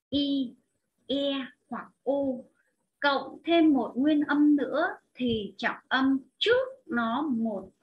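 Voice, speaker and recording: A woman's voice: high-pitched, dull audio. A woman teacher with a Vietnamese accent explaining an English exercise step by step, talking directly to her students. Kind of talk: recorded online lesson.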